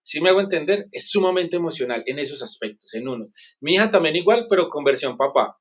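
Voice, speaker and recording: A man with a slightly high, expressive voice speaks quickly with a breathy edge, and the recording sounds muffled. He's a psychologist appearing as a guest in a conversational interview, explaining things earnestly, correcting himself, and frequently asking "¿sí me entiendes?"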